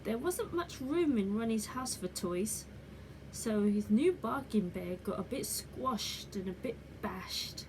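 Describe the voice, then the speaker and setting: Female storyteller for a fairy tale opening: measured, slow children's read-aloud, clear background noise. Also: mid-range voice, expressive. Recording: clearly noisy background ambience.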